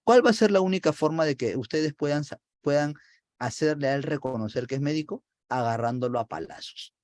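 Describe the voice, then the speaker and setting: A man's voice: fairly high pitch, brisk, a little mellow, no echo, natural voice. Scolding scheming wife, voiced by a man.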